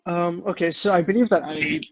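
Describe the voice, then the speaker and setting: A man's voice: high voice, fairly even intonation, brisk, highs cut off. A young man from Switzerland, an admission candidate in an online interview, giving a polished self-introduction and hesitating on quiz questions. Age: young adult. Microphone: computer microphone on a video call.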